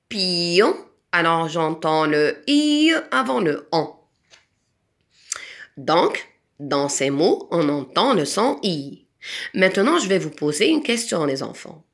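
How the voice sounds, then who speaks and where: Slow, lively Moroccan woman teacher. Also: on the low side, gravelly. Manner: slow, patient, sing-song, stretches out example words. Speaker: primary school French teacher. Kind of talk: remote lesson for children.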